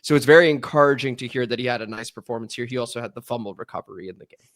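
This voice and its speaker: A man hosting a casual sports podcast in a plain, mid-pitched voice. He steers the talk from topic to topic and chimes in with short, agreeing replies. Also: racing, fairly bright tone. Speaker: podcast host.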